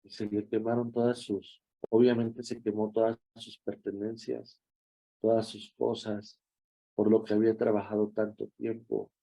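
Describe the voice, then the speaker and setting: A man's voice: fairly low pitch, little pitch movement, normal speed, creaky, mellow, rough recording. A man with a Mexican accent, a pastor giving a devotional sermon in a conversational, storytelling way.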